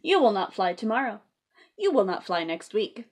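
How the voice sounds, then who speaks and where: A woman voicing a blunt, doubting male elephant from a storybook, contradicting with emphatic, drawn-out words. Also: mid-range voice, sing-song.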